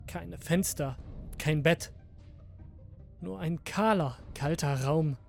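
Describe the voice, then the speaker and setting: A narrator reading a horror story in a hushed, scripted storytelling manner. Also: medium pitch, slow pace, gravelly, soft background music.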